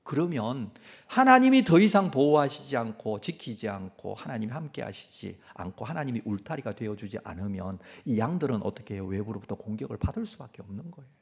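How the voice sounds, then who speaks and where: A man's voice: medium pitch, very animated, a little fast, creaky, hardly any pauses, breathy edge. A male pastor preaching a sermon who asks his listeners questions and then answers them himself.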